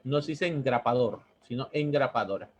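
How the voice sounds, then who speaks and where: A man with a mid-range voice teaches a grammar lesson at normal speed. He explains step by step, repeating words and checking in with a questioning "¿no?".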